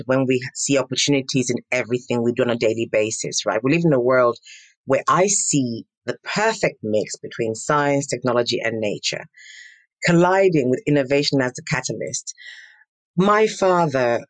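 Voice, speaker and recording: A woman's voice: extremely low pitch, no room sound. A woman in her fifties from Nigeria answering interview questions in an earnest, emphatic, reflective way. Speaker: guest, pharma entrepreneur.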